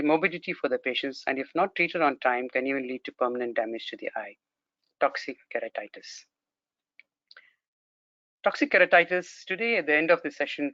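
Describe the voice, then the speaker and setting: A man's voice: on the high side, bright, forceful tone, no room sound. A man from Brunei, a consultant ophthalmologist, giving a formal, courteous academic presentation, heard through a video call screen recording. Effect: captured in a video call screen recording. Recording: dry, dull lo-fi video call audio.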